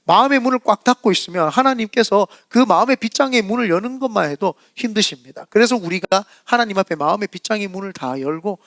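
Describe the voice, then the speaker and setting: A man pastor preaching a sermon in a lively storytelling manner, often acting out quoted prayers and dialogue. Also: high voice, fast, few pauses, dry recording, clean studio sound. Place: church sanctuary.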